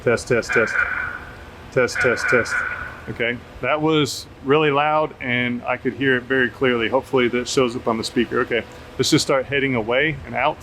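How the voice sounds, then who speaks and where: Standing under an open shelter at an airfield, a drone tester and video host talks off the cuff into his camera mic during a casual field test. His mid-range voice moves at a normal speed. The outdoor camera audio is noisy, with a steady ambient hum.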